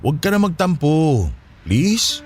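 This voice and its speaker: A man's voice: a little high, sing-song, a little slow, faint music behind. A man acting in a radio drama as a young man who pleads and keeps asking questions, then apologizes. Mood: apologetic.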